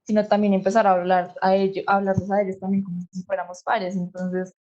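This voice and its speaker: A woman's voice: medium pitch, level tone, fast talker, a little mellow, muffled recording, faint music behind. A young woman from Bogotá with a Colombian accent, a history student answering a panel question reflectively, thinking aloud, over a video call. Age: young adult.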